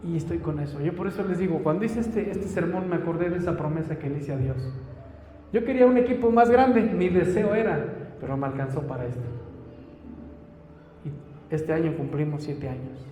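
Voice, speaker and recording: A man's voice: on the high side, a little fast, warm tone, slight background noise. A man with a Mexican Spanish accent, a pastor preaching an earnest sermon and telling a personal testimony, acting out the dialogue of his story. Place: church hall. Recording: echoey church hall, faint ambience.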